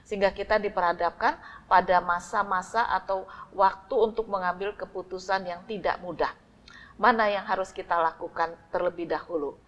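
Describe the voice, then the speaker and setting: A woman giving a calm, unhurried storytelling devotional to a congregation. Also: medium pitch, dull audio. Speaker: church devotional speaker.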